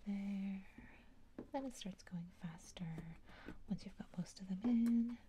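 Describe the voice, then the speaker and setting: Very slow, soft-voiced whispering woman. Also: mid-range voice, background noise. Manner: unhurried, murmuring to herself in short fragments. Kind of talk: soft-spoken ASMR, whispered commentary on a jigsaw puzzle.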